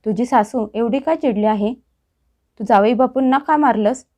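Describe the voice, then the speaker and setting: A woman voicing a concerned father who gently asks his daughter what happened in a storybook tale. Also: on the high side, normal speed, lightly acted. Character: concerned older father of the bride.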